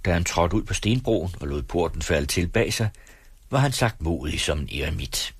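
A man reads a novel aloud on the radio with a measured, dramatic delivery. His voice is very low and husky, and the studio recording is dry and close. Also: no echo. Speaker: radio reader. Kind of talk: audiobook reading on radio.

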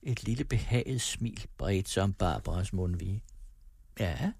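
A male narrator reading a novel in calm, measured storytelling. His voice is low and husky, recorded close and dry with no room sound. The delivery is steady and unhurried. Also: no echo. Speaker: audiobook narrator. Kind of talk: scripted narration.

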